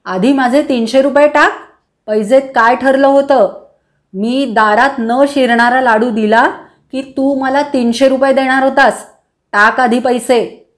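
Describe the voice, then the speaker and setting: A quick-tempered male cucumber seller in a spoken folk tale, played by a woman reading aloud. He talks excitably with strong emphasis in a high-set voice. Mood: excited.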